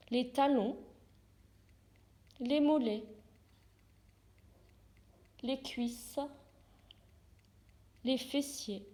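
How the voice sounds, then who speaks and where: A yoga therapist with a higher voice, a woman, guides a yoga nidra meditation at a slow pace. Her manner is calm and unhurried as she offers short, soothing prompts separated by pauses.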